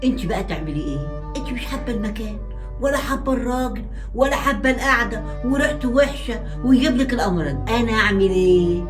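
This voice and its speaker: Cast an actress as an older Egyptian mother-in-law: bossy, loud, fast-talking, in a roomy space. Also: fairly high pitch, animated, natural voice. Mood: scolding. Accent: Egyptian Arabic. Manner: loud, scolding, quick to flare up. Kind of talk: short-film acting. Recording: roomy echo, faint music.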